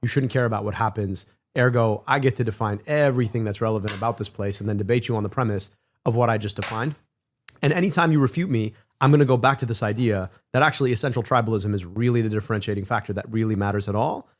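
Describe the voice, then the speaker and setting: A man in his thirties from Michigan, giving animated casual commentary on a clip and repeating words as he gets going. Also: lowish voice, fast, slight background noise. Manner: animated, emphatic, repeats words when excited. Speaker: stream co-host reacting to clips.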